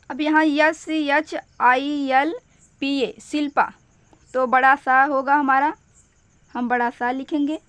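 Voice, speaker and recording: Female teacher, high pitch, unhurried step-by-step delivery, patient and repetitive. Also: a bit bright, no room sound. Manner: patient, repeats each step slowly. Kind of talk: step-by-step spelling lesson.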